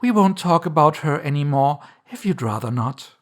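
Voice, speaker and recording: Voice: medium pitch, lively intonation, normal speed, voice pushed up, lightly acted. A narrator voicing a polite, eager little storybook girl who talks in an earnest, chatty, apologetic way. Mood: hasty.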